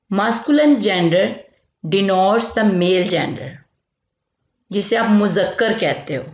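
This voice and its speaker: A woman from Pakistan teaching a grammar lesson. She explains slowly and keeps checking in as she repeats each term. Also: medium pitch. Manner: explains slowly, repeats terms, says "theek hai" often. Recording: lo-fi echoey room.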